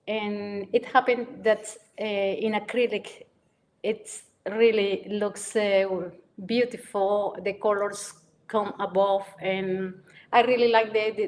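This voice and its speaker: A woman's voice: medium pitch, a little hiss or hum. A woman from Colombia, answering interview questions hesitantly, with many uhs and small grammar slips. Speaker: guest photographer.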